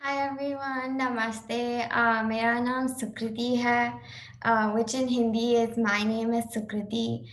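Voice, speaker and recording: A woman's voice: a little high, flat delivery, normal speed. A woman from India giving a short, cheerful self-introduction on a video call. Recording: echoey room.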